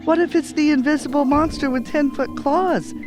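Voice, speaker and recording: A man voicing an excitable, bossy young female cartoon duck in an eager, exclamatory storybook read-aloud. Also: very high voice, moderate pace, over music, voice pushed up. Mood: alarmed.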